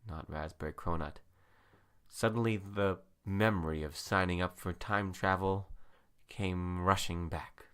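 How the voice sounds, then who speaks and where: A man co-hosting a comedy podcast, telling his part of an improvised story in a chatty, quick first-person way. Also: deep voice, fairly even intonation, a bit bright, smooth.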